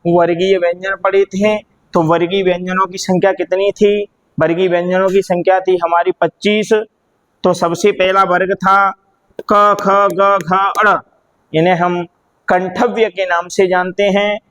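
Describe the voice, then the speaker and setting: A man with a fairly high voice teaches Hindi grammar at a slow, patient pace. He drills the letters aloud one at a time and keeps posing questions to his students, then answering them himself, calling the listeners children as he goes. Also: flat delivery, a bit bright. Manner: drills sounds aloud, asks and answers own questions, calls listeners "beta". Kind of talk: classroom lesson.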